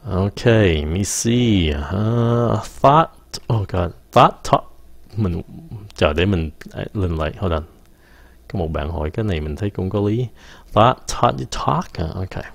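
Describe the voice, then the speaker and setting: A man giving a casual live-streamed English pronunciation lesson, stopping to say words slowly and mixing English phrases into his talk. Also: deep voice, animated, creaky, no room sound.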